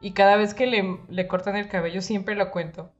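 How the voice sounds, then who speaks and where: A young woman with a Mexican Spanish accent, telling an animated story in casual chat with slang and bits of English. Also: mid-range voice, normal speed, lo-fi sound, soft background music.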